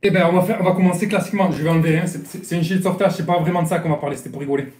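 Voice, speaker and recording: Casting: male sailing coach, Marseille accent, somewhat high voice, rambling and friendly live-stream delivery, echoey room. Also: fairly even intonation, racing, a little mellow. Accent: Marseille French. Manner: chatty, rambling, repeats and restarts. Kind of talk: casual live-stream lesson. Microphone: live-stream phone or webcam.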